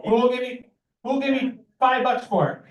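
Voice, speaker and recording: A man's voice: very high voice, fairly even intonation, moderate pace. An American man working as an auctioneer, calling bids in a rhythmic, repetitive chant of numbers. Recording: echoey room, distant microphone.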